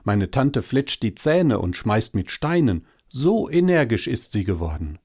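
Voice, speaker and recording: A man voicing a small, timid, eager and helpful monkey in a storybook reading, with a quick, earnest, pleading manner. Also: lowish voice, sing-song, a little mellow, breathy edge, full character voice.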